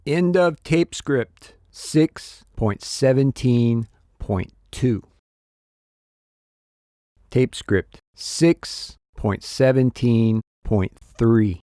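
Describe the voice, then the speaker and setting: A man reading a textbook story slowly and expressively as the audio narrator, in a dry, close studio recording. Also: mid-range voice, warm tone, dry recording. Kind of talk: scripted narration.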